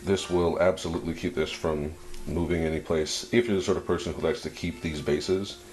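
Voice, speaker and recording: A man giving casual unboxing commentary as a fragrance reviewer, laid-back and approving, thinking aloud in short, halting phrases. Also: very deep voice, fairly even intonation, a little mellow.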